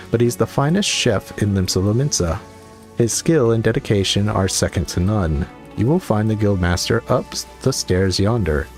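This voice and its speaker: A man's voice: lowish voice, darkish tone. A man reading the lines of a courteous game guild receptionist in a formal, old-fashioned manner. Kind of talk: reading game dialogue aloud.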